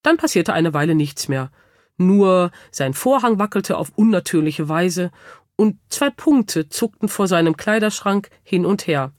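A woman narrating a children's audiobook with lively, expressive storytelling. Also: lowish voice, a little slow, no room sound, clean studio sound.

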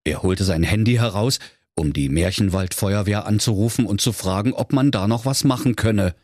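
A man telling a comic fairy tale to children in a playful, animated storytelling manner. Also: on the low side, normal speed, no room sound, clean studio sound.

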